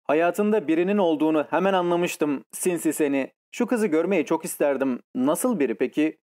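A woman's voice: deep voice, animated, normal speed, mellow. A man reading an audiobook and voicing a playful young woman who coaxes and mocks. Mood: teasing. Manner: coaxing, mocking.

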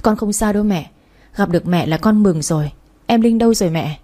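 A woman's voice: mid-range voice, a little fast, mellow, natural voice. A woman voicing a fifteen-year-old girl who is protective of her little sister and stands up to her mother. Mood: earnest, pleading.

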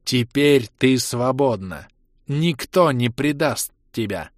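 A menacing undead woman of ice and blood, voiced by a male audiobook narrator. Her voice scrapes and grates, and she lingers over every word in slow proclamations. The recording is dry and close. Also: mid-range voice, animated, no echo. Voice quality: grating, scraping. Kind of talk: audiobook character reading.

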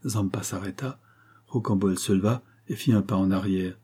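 A male storyteller reads an old adventure tale in scripted narration. His voice sits low and dark, with a husky edge. He lifts his tone when he voices the quoted lines. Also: moderate pace. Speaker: audiobook reader.

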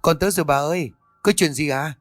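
A man's voice: on the high side, quick pace, dry recording, soft background music, pitched above the performer's own voice, close to an everyday voice. A man voicing a blunt, sly young servant girl who questions her mistress. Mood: blunt questioning.

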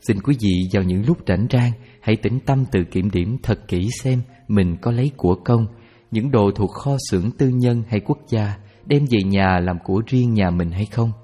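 A man calmly telling a personal Buddhist story as a father, in a measured reading. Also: lowish voice, slightly rough. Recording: reverberant with background music.

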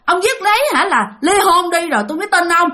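A woman's voice: very high-pitched, animated, fast, pushed and bright, voice pushed up, full character voice. A woman voicing a stern older male spirit healer who speaks firmly and scoldingly.

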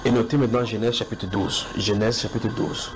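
A man's voice: on the low side, steady tone, moderate pace, low-quality recording. A man preaching a sermon in a house church, often repeating his points and asking his listeners whether they follow. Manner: repetitive, questioning the listeners directly.

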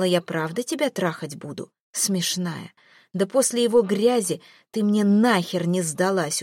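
A woman's voice: mid-range voice, a little mellow, dry recording, lightly acted. A hissing, menacing man full of jealous contempt, as a woman reader puts him on speaks crude threats in an audiobook. The sound is dry and close, with no room around it. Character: cruel, furious man lover, contemptuous and jealous. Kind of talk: audiobook character voice.

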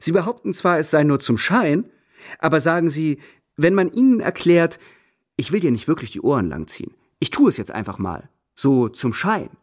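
A composed young tutor. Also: male voice, a little high, sing-song. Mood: defiant. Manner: measured, cool and composed. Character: proud young tutor, composed and defiant man. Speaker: first-person narrator and protagonist. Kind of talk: radio drama acting.

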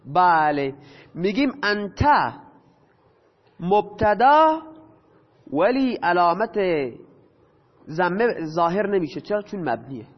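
Guy with a high voice teaching grammar, asks and answers his own questions, muffled recording w long echo. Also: lively intonation, long pauses. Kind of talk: explaining grammar to students. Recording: dull lo-fi sound with long reverb.

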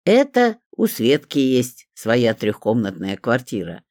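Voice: medium pitch, huge pitch swings, darkish tone, husky, dry recording, studio quality, pitched above the performer's own voice, heavily acted. A reader voicing a phlegmatic man, a self-confessed drinker, who lectures his neighbours. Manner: lecturing, unhurried.

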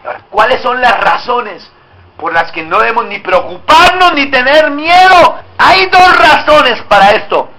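A man's voice: very high-pitched, sing-song, measured pace, pushed and bright, a little hiss or hum, low-quality recording. A male pastor preaching an emphatic sermon and prompting his congregation to answer back. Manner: emphatic, drawing call-and-response from the congregation.

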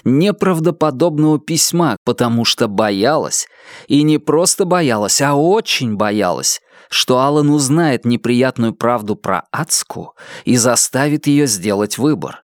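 A man reading an audiobook in a steady, dramatic storytelling manner. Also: medium pitch, measured pace, no echo, studio quality. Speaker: audiobook reader. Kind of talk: scripted narration.

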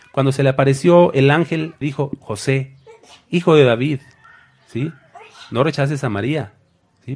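A man delivers a sermon in a mid-range voice, addressing his listeners as brothers. He acts out Bible figures with sudden loud cries. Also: mid-range voice, husky. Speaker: preacher.

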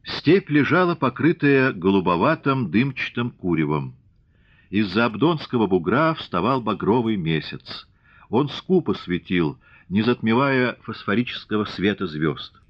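A man reading a classic novel aloud as an audiobook narrator, in a measured literary reading recorded dry and slightly dull. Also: fairly low pitch, very animated, no room sound.

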